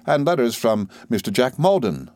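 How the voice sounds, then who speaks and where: A man voicing a kindly, cheerful elderly schoolmaster with a gentle, genial manner. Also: medium pitch, big pitch swings, moderate pace, no echo, pitched above the performer's own voice, close to an everyday voice.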